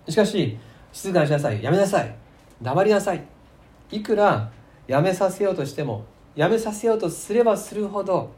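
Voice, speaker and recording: A male pastor preaching a sermon, telling the story with emphasis, swinging between loud and soft and asking the listeners questions. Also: a little high, reverberant. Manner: asks the congregation rhetorical questions.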